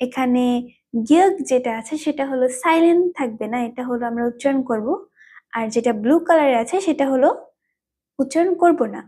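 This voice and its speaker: Woman teacher with a high but mellow voice, goes over every term again and again, super patient. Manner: patient, repeats each term slowly three times; repetitive. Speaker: language teacher. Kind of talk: explaining a language lesson.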